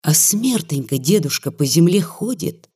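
A narrator reading classic prose in a measured storytelling manner for an audiobook. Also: mid-range voice, very animated, mellow, breathy edge.

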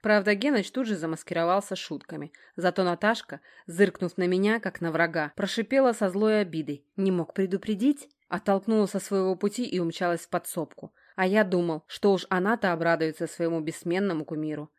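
A woman's voice: lowish voice, fairly quick, few pauses. Woman reading a novel aloud. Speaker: audiobook reader. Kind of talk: first-person novel narration.

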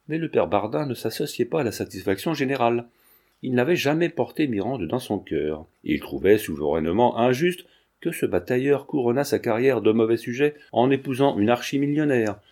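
Man with a warm mellow reading voice. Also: medium pitch. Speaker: audiobook narrator. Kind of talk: scripted narration.

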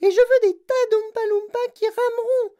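A man putting on a shrill spoiled little girl. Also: fairly even intonation, moderate pace, dark tone. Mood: demanding. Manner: shrill and whiny.

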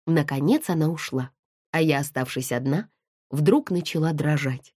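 A woman narrating a first-person novel as an audiobook, in a wry, measured storytelling manner. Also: sits low, darkish tone, slightly rough, no echo, clean studio sound.

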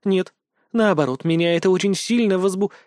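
Man doing a teasing young lady, higher pitched, dry close sound. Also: brisk, a little mellow, no echo, natural voice.

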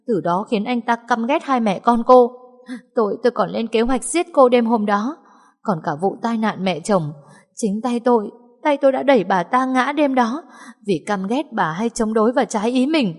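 A woman voicing a terrified scheming young wife who begs in stammering, shrill pleas. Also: normal speed, darkish tone, long reverb tail, natural voice. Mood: confessing.

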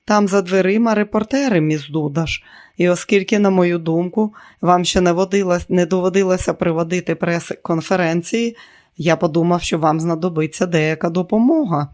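A man's voice: sits high, moderate pace, a little mellow, lightly acted. A man voicing a tall, respectable male company official in an audiobook, speaking politely and formally.

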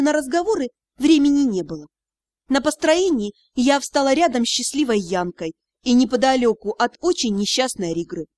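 Женщина читает аудиокнигу от первого лица, живо и выразительно. Голос у неё высокий. Запись сухая, микрофон близко. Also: female voice, high voice, no room sound, clean studio sound. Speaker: audiobook narrator. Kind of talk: first-person audiobook narration.

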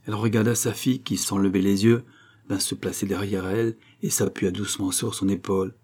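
A man narrating a classic novel in a steady, literary reading style. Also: lowish voice, a little fast, breathy edge. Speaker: audiobook narrator. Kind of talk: scripted narration.

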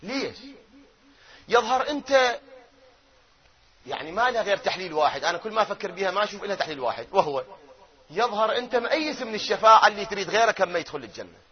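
Guy preaching, high voice, quizzes the crowd then answers himself, muffled lo-fi sound. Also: lively intonation, racing. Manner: rising to loud emphatic chanting of verses, then dropping to quiet asides; asks his audience questions and answers them himself. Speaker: cleric lecturing on doctrine. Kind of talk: religious lecture.

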